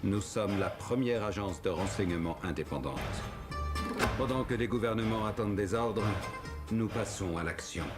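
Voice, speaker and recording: A man voicing a grave deep-voiced trailer character. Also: moderate pace, over loud music, close to an everyday voice. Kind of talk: dubbed film trailer dialogue.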